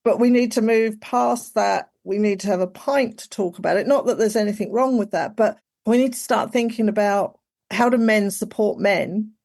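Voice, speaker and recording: A woman's voice: medium pitch, normal speed, vocal fry, a little mellow. A woman, chatting casually as a podcast guest, full of "like" and "you know". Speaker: guest, executive coach.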